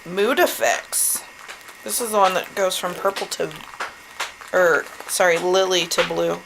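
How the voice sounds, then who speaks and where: A woman's voice: lowish voice, steady tone, unhurried, creaky. A woman chatting casually with family while opening packages. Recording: noisy room with clicks and rustling.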